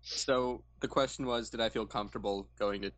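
A man's voice: lowish voice, steady tone, a little fast, a bit bright, no echo. A man playing a tabletop game who talks in a casual, laid-back, slangy way. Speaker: player. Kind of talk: tabletop role-play chat.

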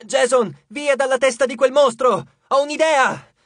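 A narrator voicing a frantic teenage boy who shouts urgent orders while steering a ship, in an audiobook. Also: medium pitch, fairly quick, husky, dry recording, studio quality.

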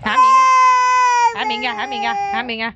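High-voiced mother cooing to her baby. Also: big pitch swings, moderate pace. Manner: coos and teases a crying toddler, mixing Vietnamese and English. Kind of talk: casual family vlog chat. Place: outdoors on a boat. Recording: loud outdoor noise, handheld camera.

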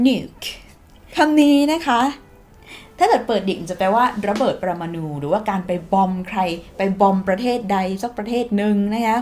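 A woman's voice: medium pitch, darkish tone. A woman with a Thai accent, a native Thai speaker, teaching English phrases in a chatty, playful video lesson and acting out sample dialogues.

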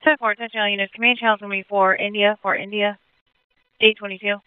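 A dispatcher making flat announcements to units over a two-way radio. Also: mid-range voice, fast talker, smooth, no echo. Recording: narrow phone-like radio channel.

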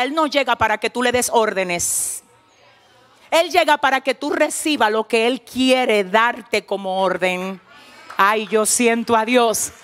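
High-voiced woman preaching with fire. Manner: impassioned preaching that rises to shouts and calls on the congregation. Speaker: pastor. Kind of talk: sermon. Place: church service before a congregation.

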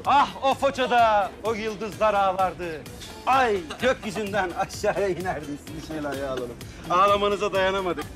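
A man's voice: high-pitched, moderate pace, over music. A man hosting a hidden-camera prank show in a playful, teasing way. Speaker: host.

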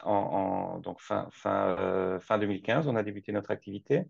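A man from Belgium in his forties, speaking in a measured way with frequent restarts, interviewed over a video call from his office. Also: lowish voice, fairly even intonation, gravelly, a little mellow, no room sound. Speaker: guest, company co-founder. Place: office, seated at a desk. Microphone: webcam on a video call. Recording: dull lo-fi video call audio.

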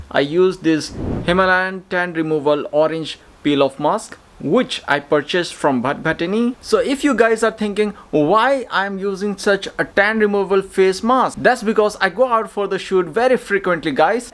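Filming a casual vlog on a phone held at arm's length, this man from Nepal, in his thirties, talks cheerfully straight to his viewers. His voice is high and a bit bright. He goes from dawn streets, a stairwell and a gym to a bedroom, with noticeable background noise in the phone audio.

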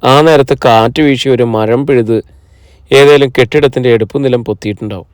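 Man doing an emotional middle-aged husband, earnest and pleading, smooth clear tone, dry close sound, audiobook. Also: medium pitch, a little fast, a little mellow, no room sound, close to an everyday voice. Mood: rueful. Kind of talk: audiobook character reading.

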